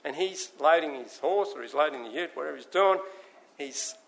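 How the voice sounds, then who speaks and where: A man delivers an earnest sermon. His voice is bright and forceful and sits a little high for a man. He slips into voices for the people in his stories. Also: expressive, moderate pace, gravelly. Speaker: preacher.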